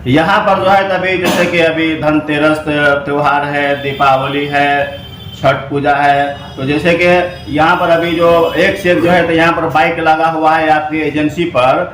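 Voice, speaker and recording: A man's voice: fairly high pitch, steady tone, unhurried, fairly bright tone. A man interviewing on location as a local reporter, asking long, rambling questions. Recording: echoey room with faint noise.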